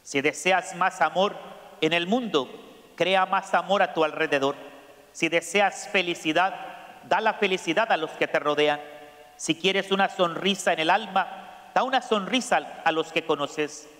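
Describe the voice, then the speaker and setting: A priest preaching a sermon, slow and emphatic, putting questions to his congregation. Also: high-pitched, fairly bright tone. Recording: echoey church hall.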